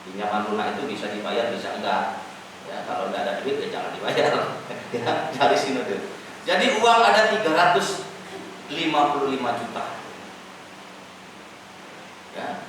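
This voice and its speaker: A middle-aged male pastor preaching a storytelling sermon, swinging from hushed asides to loud, rising emphasis. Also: mid-range voice, animated, moderate pace, pauses often, noisy background. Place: church hall. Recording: echoey church hall from far off.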